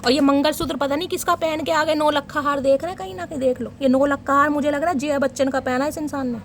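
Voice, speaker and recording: A woman's voice: high-pitched, steady tone, fast, slight background noise. A woman doing a casual tarot reading for her viewers, chatty and teasing, laughing often and chanting short invocations while she shuffles. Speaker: tarot reader.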